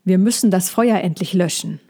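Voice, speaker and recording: A woman voicing an eager, brave young male creature in a storybook reading, calling out excitedly. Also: fairly low pitch, moderate pace, slightly rough.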